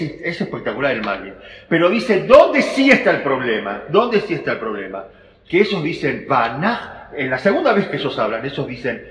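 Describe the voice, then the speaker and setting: Argentine male rabbi type, high lively voice, chatty Torah class, roomy hall with long echo. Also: slight background noise. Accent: Argentine Spanish. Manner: animated, conversational, drawn-out emphasis, sprinkles Hebrew terms. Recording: echoey hall with faint ambience.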